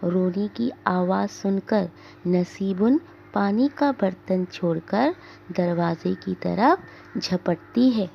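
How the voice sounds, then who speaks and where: A woman teacher reading a drama aloud for her class, giving the scene directions slowly and deliberately. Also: medium pitch, creaky, a little hiss or hum. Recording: dull lo-fi recording.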